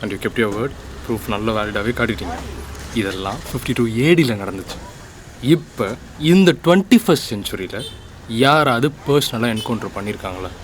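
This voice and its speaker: A man's voice: on the low side, lively intonation, moderate pace, slight background noise, close to an everyday voice. A man playing a curious young friend who asks questions, mixing English and Tamil.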